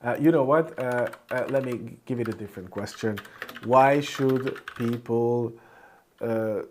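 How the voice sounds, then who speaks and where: This mid-range, slightly dark voice belongs to a Hungarian-native man who walks through programming at a measured pace in an informal screencast, thinking out loud while typing. Clear keyboard and mouse-click sounds fill the background.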